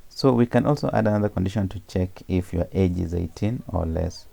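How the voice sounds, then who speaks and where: A man with a deep, warm voice and vocal fry explains programming step by step in a screencast tutorial. He pauses often, uses fillers, and corrects himself as he goes.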